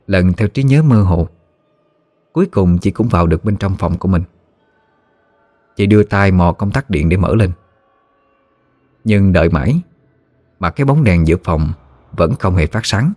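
A man narrating a scripted horror story in a steady, even storytelling manner. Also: low-pitched, dry recording. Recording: dry studio voice-over with faint music.

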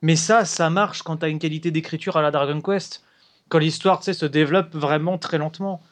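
Man, slightly high voice, casual podcast chat, animated, interrupts often. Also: a little fast. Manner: animated, talks over partner, swears casually. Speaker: podcast co-host. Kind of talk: casual chat about retro games.

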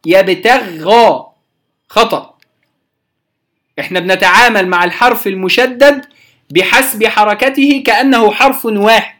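A man's voice: high voice, sharp tone. A man with an Egyptian accent giving a recorded lesson on Quran recitation, explaining rules through questions he answers himself and stretching out example words. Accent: Egyptian Arabic. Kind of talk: recorded lecture on tajweed.

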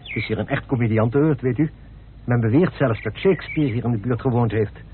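This is Dutch radio drama: a man acts the part of a hospitable, eccentric homeowner, talkative, polite and gushing, with an eager, welcoming mood. He speaks briskly in a mid-range voice with light acting, captured on a noisy, tinny old radio recording.

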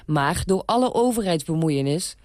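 A female reporter reading a scripted radio report in a measured way. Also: on the low side, animated, a little mellow, no echo, studio quality.

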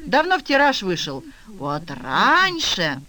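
A man squeaking as a whiny henpecked husband. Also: wildly swooping pitch, slow, sharp tone, exaggerated voice. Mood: childish.

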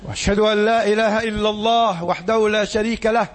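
A man preaching a Friday sermon in an Egyptian Arabic accent, impassioned and at times shouting his exhortations. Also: high voice, steady tone, quick pace.

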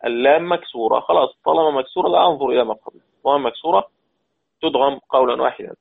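A man's voice: mid-range voice, vocal fry, breathy edge. Man teaching Quran recitation over tinny audio. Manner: explains rules quickly, then recites verses slowly and repeats them. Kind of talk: tajweed lesson with recited examples.

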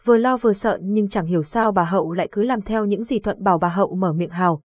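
A woman narrates a horror audiobook in a steady, measured storytelling manner. Her voice sits at an ordinary pitch. The recording is dry and close. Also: husky, no room sound.

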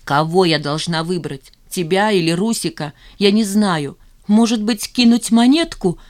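A reader voicing an emotional young woman at a party, pleading and desperate, a touch higher than their own voice. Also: expressive, moderate pace, lightly acted. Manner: pleading, then desperate and shouting.

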